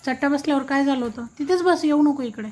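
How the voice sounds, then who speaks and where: A woman's voice: sits high, fast, a little mellow, a little hiss or hum. A woman at home talking to a toddler in baby talk, coaxing her and repeating each prompt again and again. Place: indoors at home.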